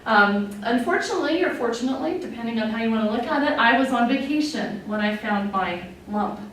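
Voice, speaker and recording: Speaking a little fast, this woman has a fairly high, expressive, slightly bright voice. She's a Wyoming nurse executive in her forties giving personal testimony in a frank, chatty way, with lots of fillers and visible emotion. It's recorded in an echoey room on a far-off mic with faint noise.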